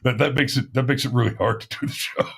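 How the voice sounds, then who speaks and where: A man's voice: medium pitch, fairly even intonation, fast, gravelly, noisy background. Emphatic man hosting a talk show. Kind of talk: casual opinionated chat.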